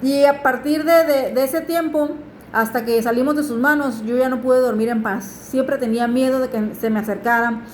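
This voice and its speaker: A woman's voice: high-pitched, steady tone, normal speed, darkish tone, a little hiss or hum. Earnest woman giving a testimony. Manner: earnest, pleading with listeners to turn to God. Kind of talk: personal religious testimony. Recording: echoey room.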